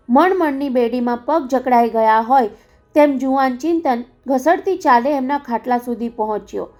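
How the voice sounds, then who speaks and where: A woman narrates a novel for an audiobook with a high voice. Her reading is steady and measured, and it carries the story along evenly. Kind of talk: scripted narration.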